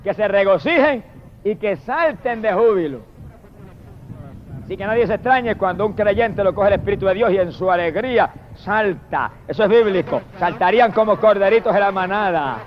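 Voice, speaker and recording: A man preaching a fiery sermon, swinging from shouted hallelujahs to low murmured praise. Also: moderate pace, slight background noise. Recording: dull lo-fi recording.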